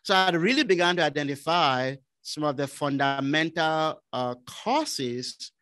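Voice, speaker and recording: A man from Cameroon, a business consultant and former pastor, telling his testimony in casual conversation, animated and laughing often. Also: on the high side, measured pace, clean tone, dry recording. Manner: animated, laughing often, acts out his own quoted lines. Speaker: guest.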